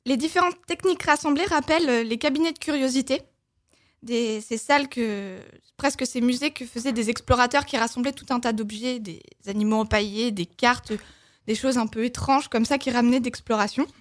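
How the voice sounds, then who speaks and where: High pitched lady gushing about a picture book on the radio, bit hesitant. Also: brisk. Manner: enthusiastic, with hesitations. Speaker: book reviewer. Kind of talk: casual radio book review.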